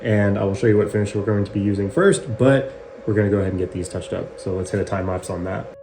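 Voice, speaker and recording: A man's voice: lowish voice, fairly even intonation, quick pace. A man hosting a casual guitar-building tutorial in his garage workshop, chatty and jokey. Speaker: guitar builder and channel host. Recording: echoey garage with faint noise.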